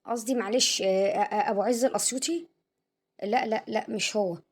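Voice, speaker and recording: A woman's voice: medium pitch, fast, darkish tone, natural voice. A woman playing a cheeky, scheming schoolboy son with an Egyptian accent who rambles through excuses. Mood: flustered. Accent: Egyptian Arabic. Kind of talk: comedy sketch acting.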